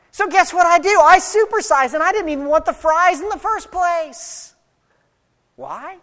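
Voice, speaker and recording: Lively preacher with allergy coughs, echoing hall. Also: medium pitch. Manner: animated, emphatic preaching with chatty asides. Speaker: pastor. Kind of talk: sermon. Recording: long hall reverb.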